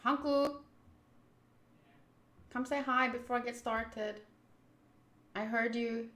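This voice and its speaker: Speaking slowly with a steady tone, a woman hosts a visual novel playthrough on a live stream from a room in her home. Her voice is slightly high and fairly bright, her chat casual, playful and teasing, and the sound is reverberant.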